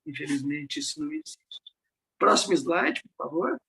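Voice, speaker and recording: A man's voice: high-pitched, big pitch swings, normal speed, gravelly, pushed and bright. An older man speaking as an invited lecturer over slides on a video call, reflective and fond of rhetorical questions. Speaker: invited speaker at a research network meeting. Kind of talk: academic talk over slides.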